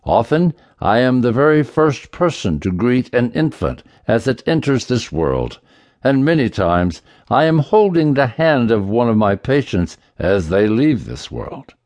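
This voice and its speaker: A dignified physician pleading his case before the throne, as a man voices him. He speaks slowly and deliberately, with feeling in his lowish voice. The recording is dry and close. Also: big pitch swings, a little mellow, no echo. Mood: earnest. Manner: measured, earnest. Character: earnest, dignified male physician.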